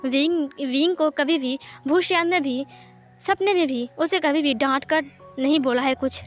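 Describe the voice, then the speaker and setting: A woman's voice: high-pitched, a little slow, soft background music. A woman narrating a fan fiction story, reading it in a plain storytelling manner. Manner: plain storytelling with many speech tags.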